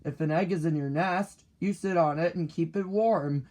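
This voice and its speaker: A man reading the lines of a steady, dutiful father bird in a storybook, in a reassuring, matter-of-fact way. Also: fairly high pitch, moderate pace, highs cut off, close to an everyday voice.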